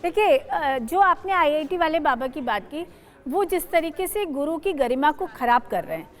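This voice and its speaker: Firm, indignant high-voiced woman. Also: lively intonation, normal speed. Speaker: debate panelist. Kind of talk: heated debate argument.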